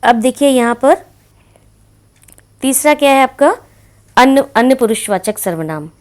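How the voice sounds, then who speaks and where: A woman's voice: sits high, lively intonation, a little slow. A woman teacher giving a grammar lesson to children, patiently explaining with many repeated examples. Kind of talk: classroom-style grammar lesson.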